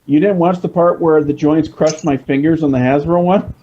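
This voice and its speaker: A man in casual podcast chat, talking excitably and rambling with many restarts. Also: on the high side, normal speed, highs cut off, a little hiss or hum. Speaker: podcast co-host.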